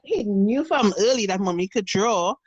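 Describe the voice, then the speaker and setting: A woman's voice: mid-range voice, moderate pace, dull audio. A woman in her thirties with a Trinidadian accent, a painter chatting casually on a video call and acting out little quotes as she tells stories. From Trinidad and Tobago. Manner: animated storytelling, acts out quotes. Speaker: guest face and body painter. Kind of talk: casual interview chat over video call.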